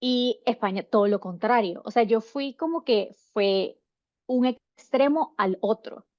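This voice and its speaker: A woman's voice: a little high, measured pace, darkish tone, no echo, dull audio. A woman in her thirties with a Venezuelan Spanish accent, chatting as an interview guest and rambling with many restarts. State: seven months pregnant. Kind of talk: casual interview.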